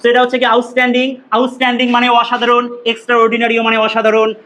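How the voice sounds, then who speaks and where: Male grammar teacher, very high and flat, drills words, quizzes class. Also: racing, slight background noise, poor audio. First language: Bengali. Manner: repeats words for drill, asks students questions.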